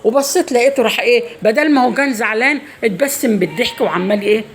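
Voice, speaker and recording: Chatty egyptian woman, middle-aged, rattling off a story in her kitchen vlog, lively and quick. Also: a little high, slight background noise. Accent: Egyptian Arabic. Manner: fast, lively, swears often by God. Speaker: home cooking vlogger. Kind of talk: casual storytelling while cooking.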